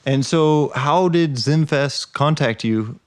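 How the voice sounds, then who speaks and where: A man's voice: fairly high pitch, no echo. Male podcast host, dry studio sound. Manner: short, brisk follow-up questions. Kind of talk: podcast interview.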